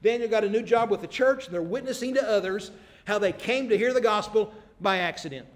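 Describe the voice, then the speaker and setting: A man's voice: sits high, brisk. A man preaching a sermon, telling stories in an earnest way and shifting his emphasis. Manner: storytelling, earnest, varies emphasis.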